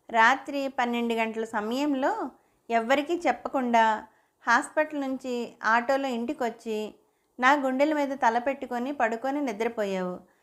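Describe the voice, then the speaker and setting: A woman's voice: high-pitched, close to an everyday voice. A woman reading as a worried loving husband. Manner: pleading, questioning gently.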